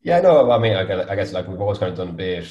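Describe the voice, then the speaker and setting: A man's voice: low voice, big pitch swings, racing, darkish tone, highs cut off. A man with a west of Ireland accent chatting casually as an interview guest, loosely phrased and full of filler phrases. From Galway, west of Ireland. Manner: hesitant, frequent 'you know' and 'kind of' hedging. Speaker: guest, volunteer youth mentor. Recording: roomy, echoey sound.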